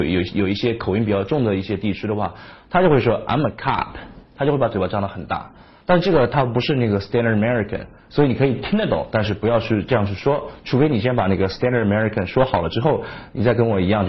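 A man's voice: fairly low pitch, slightly rough. A man teaching English pronunciation in a casual, chatty lesson, dropping English example words into his talk. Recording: dull lo-fi sound.

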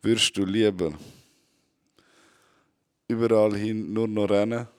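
A young man with a Swiss German accent hosting a casual podcast chat, joking, laughing often and shouting to act out his jokes. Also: on the low side, level tone, a little slow, dry recording, studio quality. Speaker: podcast host.

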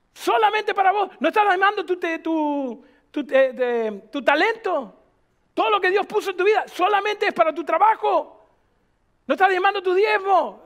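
A man's voice: very high voice, fairly bright tone. A man, a pastor preaching emphatically to a church, firing off rhetorical questions. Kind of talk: sermon.

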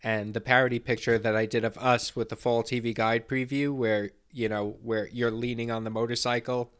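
A man's voice: mid-range voice, level tone, normal speed, a bit bright, clear, resonant tone. A man co-hosting a podcast in easygoing casual chat. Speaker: podcast co-host.

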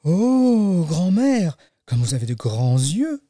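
A man voicing a polite, innocent little girl in a storybook, high and light, with wide-eyed exclamations. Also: expressive, moderate pace, mellow, no room sound, studio quality. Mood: wondering.

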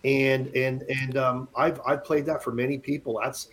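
Rambling and jokey, a man in his late fifties talks casually as a podcast guest, restarting often. He speaks at a moderate pace in a mid-range, fairly bright voice with flat delivery.

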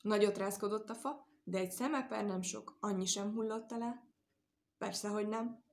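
A woman reading a children's story aloud in a lively, expressive way. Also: medium pitch. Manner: lively, expressive read-aloud with sound words.

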